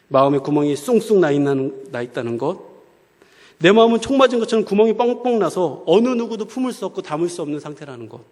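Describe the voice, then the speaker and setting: A man's fairly high, slightly mellow voice carries through the long echo of a church hall. He preaches a conversational, colloquial sermon, frequently asking the congregation rhetorical questions.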